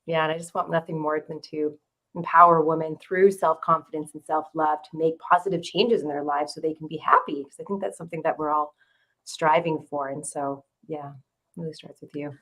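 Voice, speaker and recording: A woman coach speaking as a guest on an online panel, bubbly and excitable. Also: low-pitched, fairly quick. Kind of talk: casual online panel chat.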